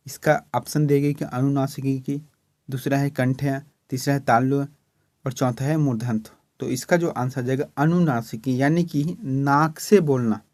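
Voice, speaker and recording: A man's voice: medium pitch, steady tone, normal speed, a little mellow, no room sound. Man teaching an exam-prep lesson. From Chhattisgarh, India. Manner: explains step by step, repeating "ठीक है".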